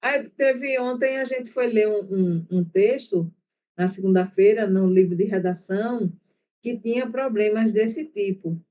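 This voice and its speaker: A woman's voice: medium pitch, unhurried, dark tone. A woman teacher with a Brazilian accent giving an online class, talking at length and checking in with her students as she explains. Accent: Brazilian Portuguese. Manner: chatty, explains at length with frequent "né?" and "tá?".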